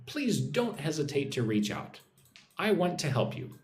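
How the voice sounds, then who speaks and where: An American man with a fairly high voice and big pitch swings teaches English on a live stream, reading viewer comments aloud. He slowly models pronunciation, sounding out words for listeners to repeat, in a roomy recording with slight background noise.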